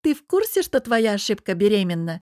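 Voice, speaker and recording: A woman's voice: medium pitch, animated, moderate pace, a little mellow, no room sound, clean studio sound, lightly acted. A woman reading the lines of a hurt, defiant young wife who answers sharply and mockingly.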